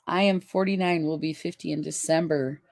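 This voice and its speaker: A woman's voice: deep voice, fairly even intonation, brisk, darkish tone. A woman in her fifties hosting a casual livestream chat, reading viewers' comments aloud. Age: 50s. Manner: chatty, reads viewer comments aloud with laughs. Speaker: livestream host.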